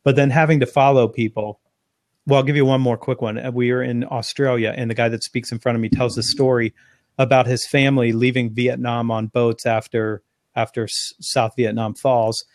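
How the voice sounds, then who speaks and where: Man, interview guest, animated storyteller, dry close sound, medium pitch. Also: normal speed, no echo. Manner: animated, piles up phrases in long anecdotes. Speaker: interview guest, sales speaker. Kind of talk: conversational storytelling.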